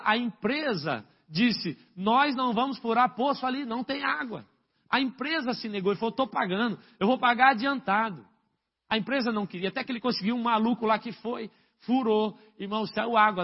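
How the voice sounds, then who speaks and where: A man's voice: extremely high pitch, breathy edge, highs cut off. A man, a pastor, preaching a sermon and telling stories animatedly, acting out the quoted dialogue. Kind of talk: sermon storytelling.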